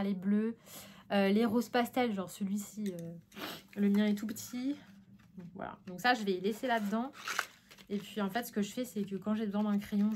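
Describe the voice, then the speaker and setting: At home, a French woman vlogs casually while unboxing art supplies, her nose tickling and making her sniffle. She's chatty and excitable, full of fillers, with a mid-range voice and slight background noise.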